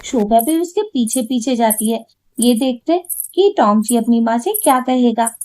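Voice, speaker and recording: A woman's voice: fairly high pitch, animated, normal speed, darkish tone. A woman narrating a cartoon story in a plain, matter-of-fact way.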